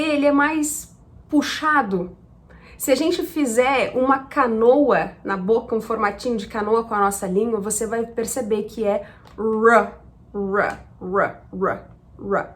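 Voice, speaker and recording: Slow, high-voiced Brazilian woman teacher. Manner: patient, spells out sounds slowly. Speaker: English teacher. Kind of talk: explanatory lesson.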